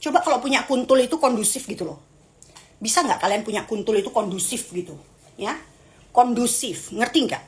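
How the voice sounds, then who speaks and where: A woman's voice: on the high side, brisk. A young woman, streaming live and reading comments, in a dramatic, playful, teasing way.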